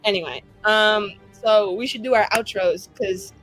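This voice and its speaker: With music in the background, a young woman from a tabletop roleplaying show's cast chats and jokes casually in a group, slangy, theatrical and given to hyperbole. She has a mid-range, somewhat bright voice at a measured pace. The recording is low quality.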